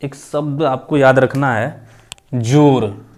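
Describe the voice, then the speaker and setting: A man teaching a grammar lesson. He repeats example sentences and stresses key words loudly. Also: medium pitch, steady tone, takes it slowly.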